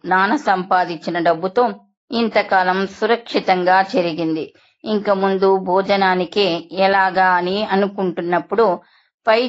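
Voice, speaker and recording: A woman narrating a first-person story in a steady, measured reading voice. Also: medium pitch. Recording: dull lo-fi recording.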